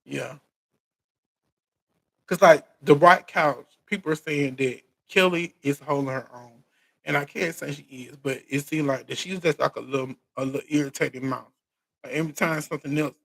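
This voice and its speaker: With a creaky, mid-range voice that's a bit bright, an American man hosts a casual live recap about reality TV. His phrasing is informal and colloquial, and he often restarts and repeats what he's saying.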